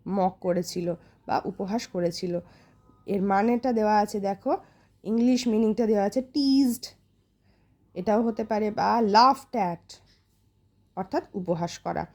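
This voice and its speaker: A woman teacher patiently explaining English vocabulary, spelling words out letter by letter and slowing down for example sentences. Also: medium pitch, dark tone. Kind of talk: classroom vocabulary lesson.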